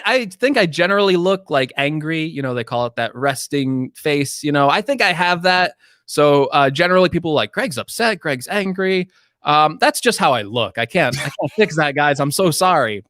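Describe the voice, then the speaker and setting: A man co-hosting a tech podcast in casual chat, animated and self-mocking. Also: on the high side, no echo, clean studio sound. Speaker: podcast co-host.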